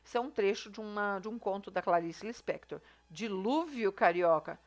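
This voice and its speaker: A woman teacher with a medium-pitched, expressive voice walks through a recorded review lesson at a moderate pace. She's chatty and goes step by step, often checking in with her students with "tá?" and "né?".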